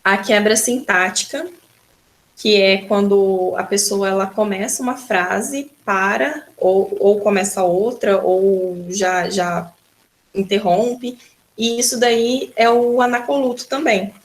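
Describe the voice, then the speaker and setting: This recorded school lesson comes from a woman teacher with a Brazilian Portuguese accent who takes it slowly, in a mid-range voice and steady tone. She explains patiently, frequently starting with "então."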